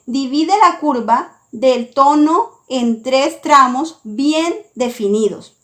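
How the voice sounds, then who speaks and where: Lady teacher reading her lesson out slow and careful, pretty high voice. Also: lively intonation, a bit bright. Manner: slow, careful, deliberate delivery. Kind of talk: scripted lesson narration.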